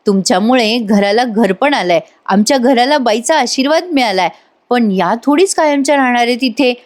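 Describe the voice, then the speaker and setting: A woman's voice: a little high, animated, normal speed, close to an everyday voice. A woman voicing a kindly elder brother. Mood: brisk. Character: kindly elder brother raising his siblings.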